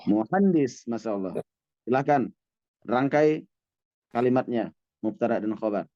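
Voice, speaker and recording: A man leading an Arabic grammar class, speaking at a patient, drawn-out pace with pauses and fillers. The sound is dry and a little dull, with almost no room echo. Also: mid-range voice, animated, mellow. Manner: patient, drawn-out teaching cadence with frequent fillers. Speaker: Arabic teacher. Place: mosque classroom with online students.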